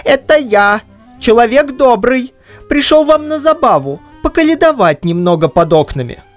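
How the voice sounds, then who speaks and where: A woman's voice: a little high, lively intonation, normal speed, faint music behind, voice pushed up, lightly acted. A woman voicing a stubborn, grumbling older Cossack man in an audiobook reading, with a whiny, indignant manner. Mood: wheedling. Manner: whiny, indignant, muttering to himself. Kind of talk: audiobook reading of a classic story.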